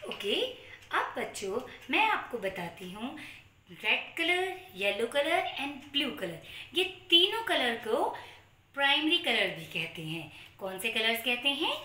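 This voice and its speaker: Indian lady kindergarten teacher, bright high voice, talks slow n sing-song to kids like a party magician, echoey room. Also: big pitch swings. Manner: sing-song teacher talk, addressing children with questions. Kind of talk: children's lesson presented to camera. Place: small room at home, indoors.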